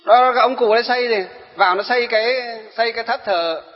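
High-voiced monk telling a story. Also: male voice, fast talker, faint music behind. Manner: animated, addresses listeners directly. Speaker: Buddhist monk. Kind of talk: storytelling sermon. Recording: dull sound with long hall reverb.

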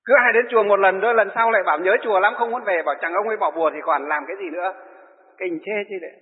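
A man's voice: high-pitched, racing. A middle-aged man, a Buddhist monk, giving a wry, chatty storytelling talk and laughing at his own anecdotes. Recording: tinny, lo-fi, long hall reverb.

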